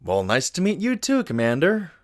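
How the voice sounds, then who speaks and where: A friendly, furry alien ship captain speaks in an easygoing, wry way. His voice moves lively in pitch, recorded dry and close. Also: normal speed, no echo.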